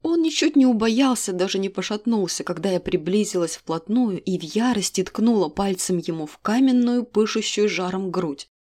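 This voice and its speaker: A woman reading a first-person novel aloud in an expressive, even storytelling manner. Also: mid-range voice, normal speed, few pauses. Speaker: audiobook narrator. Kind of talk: scripted first-person narration.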